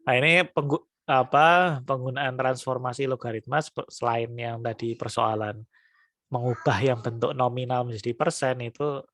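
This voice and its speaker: A man lecturing on economics in a relaxed, conversational way, dotting his explanations with little tag words. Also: medium pitch, normal speed, no room sound, clean studio sound. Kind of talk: recorded lecture.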